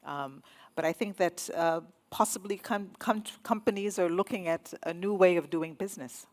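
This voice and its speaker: A woman's voice: fairly low pitch, normal speed, darkish tone. A woman from Zambia speaking on a panel, earnest and sometimes searching for words. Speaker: diplomat on a panel. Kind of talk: panel discussion.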